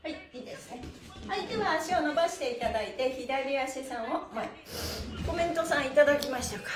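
In a small indoor room with bare walls, a middle-aged woman, host and stretching instructor, chants rhythmically and gives instructions in a cheerful, playful exercise lesson. Her high-pitched, animated voice moves a little fast, with background noise. A camera mic a few steps off makes the room sound echoey and distant.

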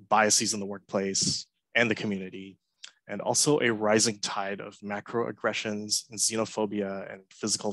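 Flat-voiced man giving an earnest talk. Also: fairly low pitch, no echo, poor audio. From Hong Kong. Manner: earnest, measured, frequent uh fillers. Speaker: conference speaker. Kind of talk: prepared talk. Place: home room, indoors. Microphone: headset mic on a video call.

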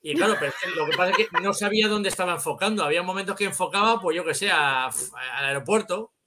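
Speaking fast in a high, pushed, bright voice, a middle-aged man from Spain with a Spanish accent appears as a guest on a video call from indoors. He chats casually and shares anecdotes in everyday language.

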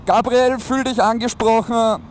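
A man's voice: extremely high pitch, fairly even intonation, a little slow. An Austrian man chatting casually and in slang to viewers from inside a motorcycle helmet while riding. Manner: colloquial, slangy. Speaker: motorcycle vlogger. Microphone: helmet-mounted mic. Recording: enclosed helmet sound, road noise. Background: motorcycle and traffic noise.

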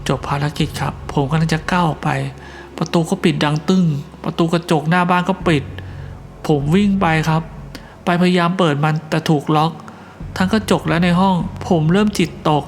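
A man telling his own ghost story in the first person, earnest and hushed, with polite particles. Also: a little high, fairly even intonation, moderate pace, slight background noise.

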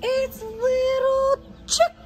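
A woman's voice: very high voice, flat delivery, very slow, loud music behind the voice. A woman in her thirties chatting to viewers on a casual travel vlog, filmed on a phone held at arm's length in a car and then in a store. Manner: chatty, addressing viewers as you guys. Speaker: vlogger. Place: in a car, then inside a farm supply store.

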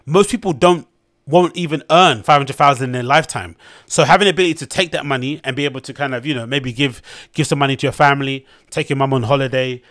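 A man's voice: medium pitch, fairly bright tone, no room sound, studio quality. A young man with a London accent, hosting his podcast and giving blunt, rambling commentary on a news article, with lots of fillers and restarts. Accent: London English. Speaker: podcast host.

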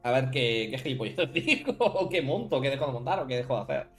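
A man's voice: medium pitch, lively intonation, fast, fairly bright tone, soft background music. A man from Spain with a Spanish accent, chatting casually on a live stream while building a card deck and talking to viewers. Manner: chatty, thinks aloud, talks to chat viewers by name.

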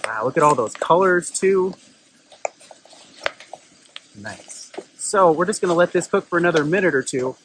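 A man's voice: on the high side, animated, moderate pace, long pauses, a bit bright, a little hiss or hum, rough recording. A man in his thirties, a chef giving a casual, chatty outdoor cooking demonstration while sitting on a rock in open grassland. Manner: upbeat, chatty, easygoing.

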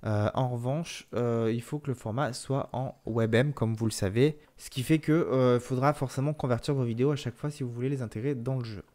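A man hosting a relaxed game walkthrough, explaining features with many filler pauses. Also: mid-range voice. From France. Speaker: gaming video host.

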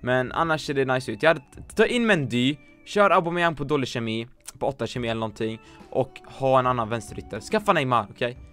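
A man's voice: medium pitch, a bit bright. Blunt, joking Swedish-speaking gamer man. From Sweden. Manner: blunt, joking, swears often, mixes English slang. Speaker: gaming YouTuber reviewing viewers' teams. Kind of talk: casual commentary. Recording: faint music behind.

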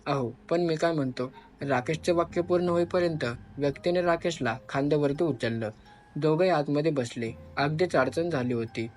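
A man narrating a horror story in an expressive, dramatic storytelling style. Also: on the high side, slight background noise. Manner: expressive, switches voices for characters.

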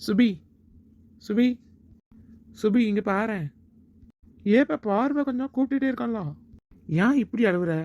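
A man's voice: extremely high pitch, a little slow, pauses often, a little mellow, highs cut off. A man playing a young village lover who coaxes and pleads insistently with his crying partner in a family drama. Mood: pleading.

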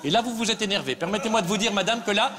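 Male comic, high voice, rattling on as a patronizing politician; live theatre, audience laughter. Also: very fast, sharp tone, a faint crowd. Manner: smug, repetitive, patronizing politician. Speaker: comedian in a political debate sketch. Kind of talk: live stage sketch.

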